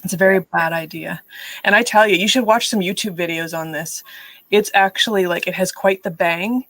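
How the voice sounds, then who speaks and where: Speaking a little fast in a fairly bright, lowish voice, this middle-aged woman runs live writing sprints and chats casually on stream, full of stories and frequent laughter. The recording is dry and rough.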